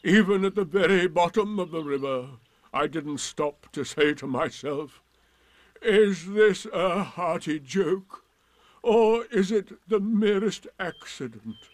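A man's voice: sits high, expressive, takes it slowly, dry recording, voice pushed up. A man voicing a gloomy, sulky old male donkey in a storybook reading, with a mournful, sarcastic drawl.

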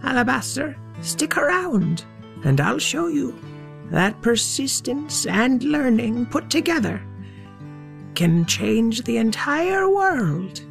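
A storyteller voicing a patient woman weaving teacher who speaks slowly and coaxingly. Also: medium pitch, big pitch swings, vocal fry, soft background music, pitched above the performer's own voice, exaggerated voice.

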